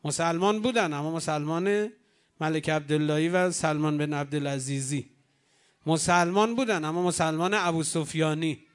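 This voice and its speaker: A man preaching a religious sermon from the pulpit, emphatic and rising to exclamations, retelling old dialogues. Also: a little high.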